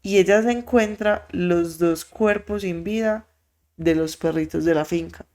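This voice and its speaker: A podcast host, telling a story in an animated way, with many fillers and quoted voices acted out. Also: mid-range voice, unhurried. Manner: frequent filler words.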